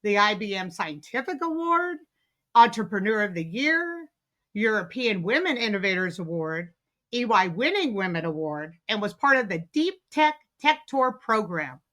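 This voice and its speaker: A woman's voice: on the high side, bright, forceful tone. A woman hosting a podcast interview, enthusiastic, with frequent fillers and restarts as she talks. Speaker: podcast host.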